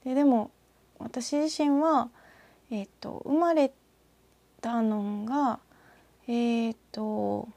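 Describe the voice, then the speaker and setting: A woman from northern Osaka with a Kansai accent, talking alone in a rambling, reflective way and often trailing off into soft asides. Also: fairly high pitch, steady tone, slow pace, creaky, pauses often, no room sound. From northern Osaka, Japan. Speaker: podcaster. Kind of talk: casual solo talk with a short reading.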